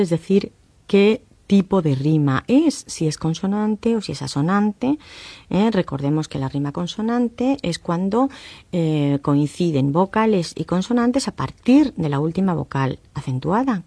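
A woman lecturer explaining text analysis in a measured way, often pausing with "eh" and tag questions. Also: lowish voice, animated, mellow, husky, no room sound. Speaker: university lecturer.

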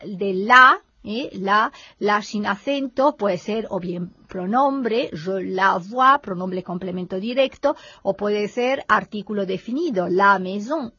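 A woman's voice: mid-range voice, sharp tone, husky, no room sound, muffled recording. A woman teaching French spelling and grammar in a conversational lesson. She thinks aloud, uses many fillers and keeps checking in with her listener. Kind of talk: explaining a language lesson in conversation.

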